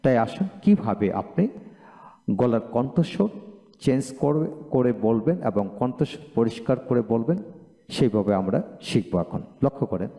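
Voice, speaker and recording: A man with a mellow, darker voice gives a classroom-style pronunciation lesson, saying each word twice, slow and loud. His voice rings with a long hall reverb. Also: mid-range voice, expressive. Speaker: English pronunciation teacher.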